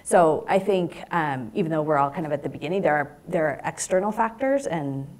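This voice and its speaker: A woman's voice: low voice, expressive, brisk, a little mellow. A woman in her thirties speaking as a panelist in a lecture hall on a lapel mic, thoughtful and gesturing as she explains. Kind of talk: panel discussion.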